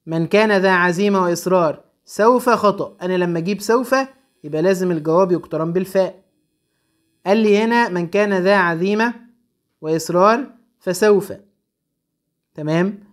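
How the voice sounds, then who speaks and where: A young man with an Egyptian accent, teaching an Arabic grammar lesson and working briskly through exam exercises, slowing to stress each answer. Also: high voice. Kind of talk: recorded exam-prep lesson.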